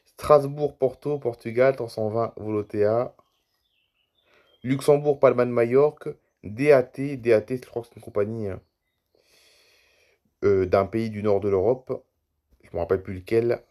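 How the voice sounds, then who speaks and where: A man's voice: mid-range voice, normal speed, long pauses, darkish tone. A tired man YouTuber giving rambling, chatty commentary over a screen recording, reading out flight routes one after another.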